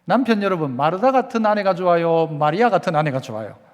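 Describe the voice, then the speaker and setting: A man's voice: high voice, expressive, quick pace, in a large hall, highs cut off. A man preaching a Sunday sermon as pastor, asking the congregation questions and having them repeat lines after him.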